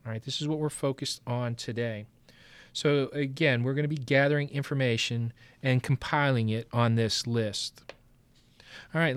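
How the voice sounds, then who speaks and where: A man's voice: mid-range voice, clear, resonant tone, no room sound. A man teaching a reading lesson and patiently guiding students through note-taking, with many fillers and restarts. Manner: patient, instructive, with frequent fillers and pauses.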